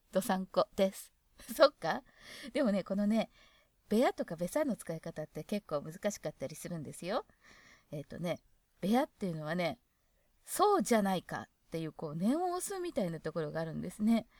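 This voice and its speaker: Brief: woman with a Hokkaido accent, chatty explainer, lively voice, dry recording. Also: mid-range voice, a little fast, dry recording. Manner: chatty, adds asides to the text. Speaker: dialect explainer reading a guide. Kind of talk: casual reading with commentary.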